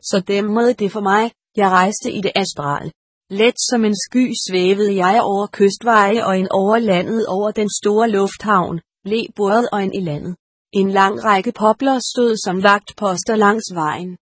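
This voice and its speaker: Woman reading a storybook, calm, husky-ish, dead dry sound. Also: mid-range voice, no echo. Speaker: audiobook reader. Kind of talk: storybook narration read aloud.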